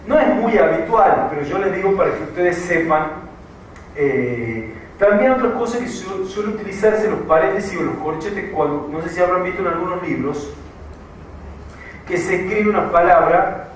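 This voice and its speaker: The high-pitched voice of this writing instructor, who has an Argentine Spanish accent, comes across from a distance in an echoey classroom, with a bit of hiss or hum. He lectures step by step, repeats himself and keeps checking whether his students are following.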